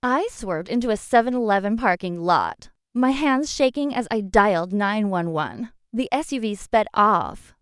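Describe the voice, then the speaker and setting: A woman narrating a dramatic first-person revenge story in an expressive storytelling manner. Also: mid-range voice, moderate pace, few pauses, clear, resonant tone, no room sound, clean studio sound.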